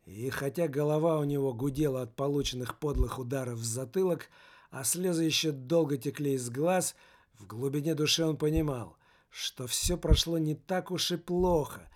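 A man narrating a novel as an audiobook, steady and measured. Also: on the high side.

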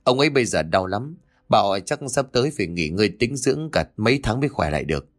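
A man's voice: lowish voice, sing-song, fast talker. A man voicing a spiteful middle-aged village woman who sneers and scolds. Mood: spiteful scolding.

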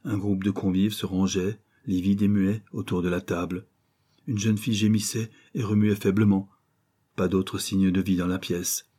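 A man narrating a classic short story in a measured storytelling way. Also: low voice, little pitch movement, dark tone, husky. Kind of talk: audiobook narration.

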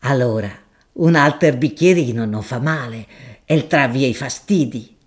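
A woman voicing a hearty, plain-spoken middle-aged male grocer, speaking slowly in a lowered voice with dialect-tinged words. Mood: insistent, jovial.

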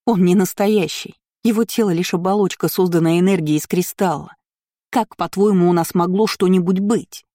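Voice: medium pitch, moderate pace, dry recording, clean studio sound, lightly acted. A narrator voicing a guarded young woman who answers curtly and sharply. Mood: snapping. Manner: flat, curt, then snapping. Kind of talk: audiobook character voice.

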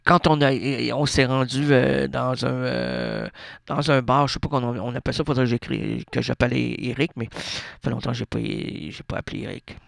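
A man's voice: medium pitch, moderate pace, gravelly, no echo, studio quality. A man with a Québécois French accent, a radio host telling a rambling comic monologue full of absurd asides and self-interruptions. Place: radio studio.

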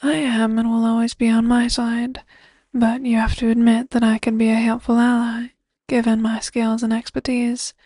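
A woman's voice: a little high, flat delivery, moderate pace, mellow, no echo, clean studio sound, close to an everyday voice. A woman voicing a proud, scoffing male trickster god in a podfic reading, speaking haughtily as he bargains. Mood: haughty.

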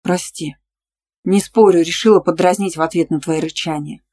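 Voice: medium pitch, steady tone, normal speed, a little mellow, close to an everyday voice. A reader doing a sassy young female student. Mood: indignant. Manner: cheeky, indignant, bantering. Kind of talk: audiobook dialogue reading.

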